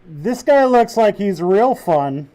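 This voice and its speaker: Irreverent young man, bright high voice. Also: sing-song, takes it slowly. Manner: irreverent, joking, swears freely. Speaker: reaction video host. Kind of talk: casual reaction commentary.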